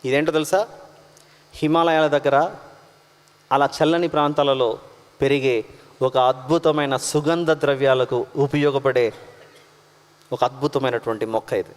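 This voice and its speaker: A man preaching a sermon from India, emphatic, swinging between loud proclamation and quiet asides, mixing English words in. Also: medium pitch, steady tone, unhurried, long pauses. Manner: mixes English words into his talk. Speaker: pastor. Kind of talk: sermon with live slide directions. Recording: long hall reverb.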